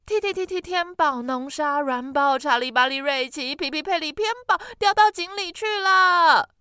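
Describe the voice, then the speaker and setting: A woman voicing a breathless little boy who keeps shouting a very long name in a storybook reading. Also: high voice, big pitch swings, slow, faint music behind, voice pushed up, full character voice. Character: breathless little boy, frantic younger brother.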